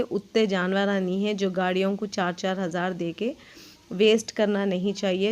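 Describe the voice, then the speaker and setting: A young woman, vlogging in a rambling, complaining, chatty way with lots of fillers. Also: mid-range voice. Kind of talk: casual vlog narration.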